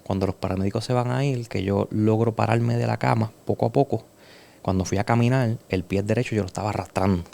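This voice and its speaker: Gravelly Puerto Rican man telling his story. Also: fairly low pitch, steady tone. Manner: earnest, emotional storytelling, soft and slow in heavy moments. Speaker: podcast guest. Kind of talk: personal testimony in a conversation.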